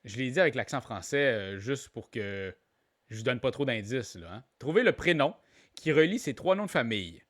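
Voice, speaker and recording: A man's voice: mid-range voice, expressive, normal speed, fairly bright tone. A man with a Québécois accent hosting a live online trivia game, playful and joking, repeating each question aloud and calling out players. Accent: Québécois French. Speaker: trivia quiz host.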